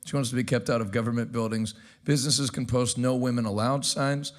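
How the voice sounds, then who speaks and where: A man's voice: medium pitch, fairly even intonation, a little fast. A man hosting a news commentary show, brash and sarcastic, introducing clips with punchy remarks. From United States. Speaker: host. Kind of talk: energetic commentary.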